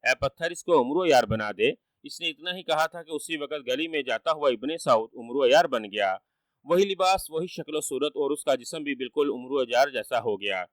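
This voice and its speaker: A man narrating a children's story in a steady, measured manner, recorded on a distant dry mic. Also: fairly high pitch, no echo.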